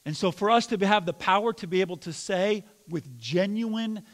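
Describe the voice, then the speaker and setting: A man preaching a sermon as pastor, questioning his congregation directly and sometimes mock-yelling. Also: high voice, lively intonation, normal speed, in a large hall. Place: church sanctuary.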